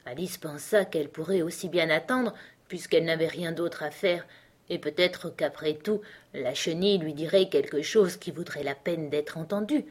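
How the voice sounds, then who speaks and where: A woman narrating an audiobook in a calm, even storytelling manner. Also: low voice, normal speed.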